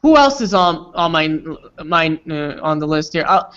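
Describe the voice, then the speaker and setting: A man with a bright, forceful voice runs an online English class, throwing questions at his students in a chatty way. The call audio is dull and lo-fi. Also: fairly high pitch, animated, normal speed, smooth. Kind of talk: casual class discussion. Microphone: video call.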